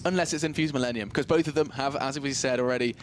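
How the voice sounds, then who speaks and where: A man giving play-by-play commentary on an esports match, getting excited and climbing in pitch at the big plays. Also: fast, slight background noise.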